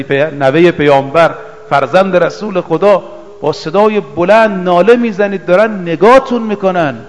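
A man preaching a sermon, reciting scripture slowly in a half-chant and then explaining it in plain, casual speech. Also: a little high, in a large hall.

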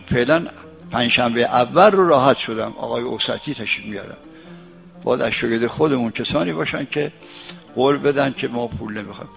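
Older male preacher, gravelly voice, homely sermon with chanted verse; muffled lo-fi tape, soft music behind. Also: mid-range voice. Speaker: cleric. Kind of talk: folksy sermon. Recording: dull lo-fi with faint music.

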